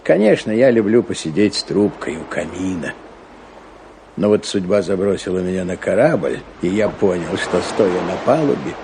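An actor playing a taciturn, pipe-smoking major in an old radio show, phlegmatic and laconic. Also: male voice, low voice, darkish tone, a little hiss or hum, rough recording.

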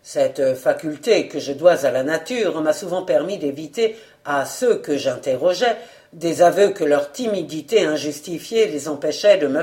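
Brief: shrewd, warm detective, emphatic and confident, voiced by the book's reader. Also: mid-range voice, close to an everyday voice. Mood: kindly. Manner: assured, fatherly, emphatic. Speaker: detective in a novel. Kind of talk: audiobook character reading.

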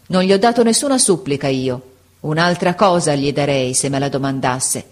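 A woman's voice: deep voice, expressive, moderate pace. A woman reading the part of a proud, emotional middle-aged army veteran in an audiobook, telling his memories with fervor. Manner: fervent, stirred storytelling.

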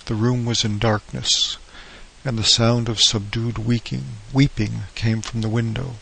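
Gravelly, flat-voiced male story reader. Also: mid-range voice, unhurried, poor audio. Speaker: narrator. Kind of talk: audiobook reading of a horror story.

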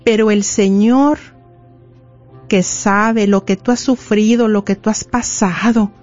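A woman's voice: mid-range voice, fairly even intonation, takes it slowly, darkish tone. A woman preacher giving an emphatic sermon, speaking straight to the mothers in her audience. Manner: emphatic, addresses listeners directly. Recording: muffled lo-fi recording with faint music.

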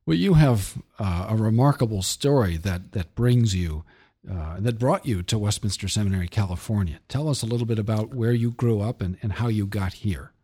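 A man hosting a podcast interview, speaking in a measured way with some hesitations. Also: on the low side, dark tone, breathy edge. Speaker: podcast host.

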